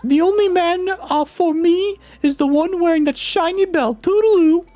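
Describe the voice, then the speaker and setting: A man reading a teasing female thief through a voice changer that raises his pitch, speaking in a coy, drawn-out manner. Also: warm tone, no echo. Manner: purring, coy, drawn-out endearments. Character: flirty, teasing woman, a sly thief. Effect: voice changer raising the pitch. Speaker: streamer voicing game characters.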